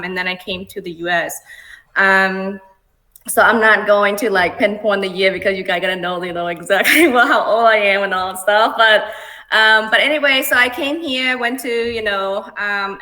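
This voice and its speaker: Woman, middle-aged, born in Cambodia, guest speaker, chatty with fillers, bright voice, video call. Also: mid-range voice. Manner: chatty, many fillers, laughs easily. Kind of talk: casual online talk.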